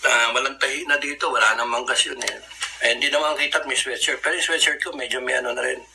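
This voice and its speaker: A Filipino man tells an old story in a loose, chatty way, laughing along and slipping into the voices of the people he quotes. His tone is very bright and forceful, with a faint hiss of background noise. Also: medium pitch, steady tone, quick pace, gravelly, low-quality recording. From Philippines. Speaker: guest recounting a survival story. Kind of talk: casual anecdotal storytelling.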